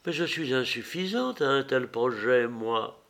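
A man's voice: mid-range voice, lively intonation, measured pace, vocal fry, fairly bright tone. A man reading the part of a devoted, fearful young Greek woman in an audiobook, in a pleading, tender manner.

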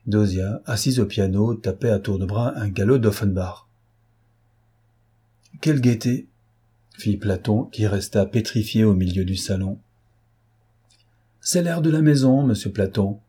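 Low husky male narrator. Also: dark tone. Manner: measured, storytelling. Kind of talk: scripted narration of a novel.

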